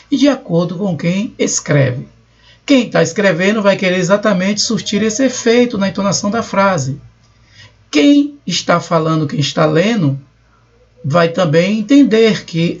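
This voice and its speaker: A man teaching a recorded lecture, explaining patiently and reading example sentences aloud with shifting intonation. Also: high-pitched. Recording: dull lo-fi recording.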